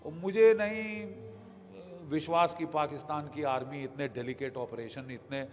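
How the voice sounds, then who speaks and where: An older man giving emphatic news commentary as a defence expert, pausing with hesitations and mixing in English phrases. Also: a little high, fairly even intonation, in a large hall.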